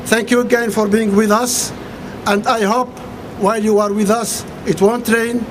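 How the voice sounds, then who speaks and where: Man, official, formal speech, high voice, noisy event recording. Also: flat delivery. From Algeria. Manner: measured, formal, with slips and restarts. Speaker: government official. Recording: background noise at a public event.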